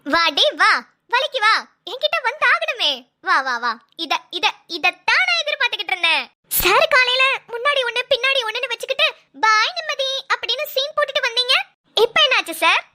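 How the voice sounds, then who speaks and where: A woman's voice: very high-pitched, animated, a little fast, pushed and bright, exaggerated voice. A woman voicing a mischievous, bossy young cartoon woman who teases and schemes. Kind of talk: cartoon voice acting.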